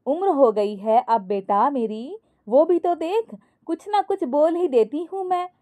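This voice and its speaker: Storyteller doing a fussy old mother-in-law, wheedling and snappish, high pitch, warm tone. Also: fairly even intonation, unhurried. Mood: irritable. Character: scheming older mother-in-law, fussy about food.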